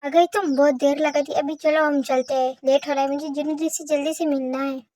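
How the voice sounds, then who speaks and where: A woman's voice: high-pitched, steady tone, brisk, darkish tone, faint music behind, close to an everyday voice. A woman voicing an eager young husband. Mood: coaxing. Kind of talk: fan audio drama.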